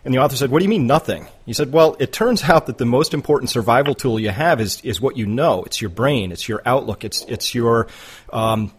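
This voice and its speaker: A man's voice: mid-range voice, fairly quick, husky. A man hosting an interview, chatty, telling a long anecdote with many restarts. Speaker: interview host. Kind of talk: conversational interview.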